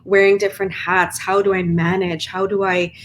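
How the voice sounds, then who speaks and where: A middle-aged Trinidadian woman with a local accent speaks as a mental performance coach in a conversational interview, explaining things earnestly and often saying "right?" and "like." Her voice is medium-pitched and level at a normal speed, with slight background noise.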